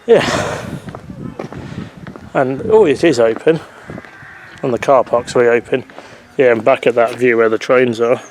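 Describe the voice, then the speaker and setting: A man's voice: mid-range voice, unhurried, pauses often, a little mellow. A man chatting casually to his handheld camera while out walking and waiting at a rail station, rambling and correcting himself as he goes. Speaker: travel vlogger. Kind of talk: casual walking vlog commentary. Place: outdoors in countryside and on a rail platform. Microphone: handheld camera mic. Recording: faint outdoor background noise.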